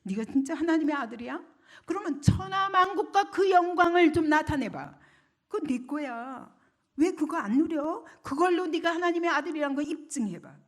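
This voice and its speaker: A scornful devil tempter, as a woman preacher puts him on, firing off jeering, mocking questions in a high, lively voice. The taunts swing up and down and never settle. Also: normal speed.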